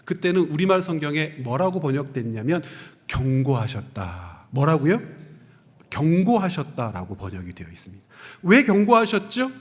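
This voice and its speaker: A male pastor preaching a sermon. He asks the congregation questions and answers them himself, and he swings from loud, stressed peaks down to hushed, near-whispered lines. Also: high-pitched. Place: church sanctuary. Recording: long church reverb.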